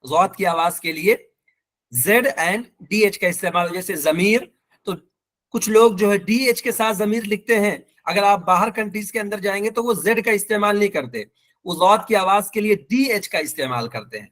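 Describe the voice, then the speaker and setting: A man teaching an online language lesson with a Pakistani accent, patient and repeating each example slowly. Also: high voice, a bit bright. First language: Urdu.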